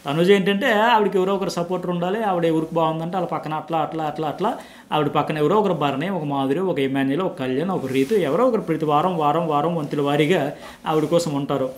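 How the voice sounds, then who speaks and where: A man giving a casual spoken review of a TV episode, animated, repeating words for emphasis and acting out what people said. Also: on the high side, quick pace. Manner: acts out quoted family talk. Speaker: TV show reviewer.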